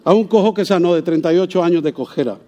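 A man's voice: sits high, quick pace, dark tone, muffled recording. A man preaching a sermon in to a congregation, asking them questions and acting out quoted voices. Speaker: pastor.

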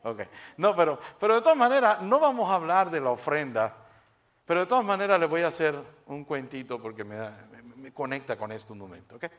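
A male pastor delivers his sermon with a fairly high voice. He keeps it conversational and humorous, often turning to the congregation with a quick "right?". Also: expressive, a bit bright. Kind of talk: preaching a sermon.

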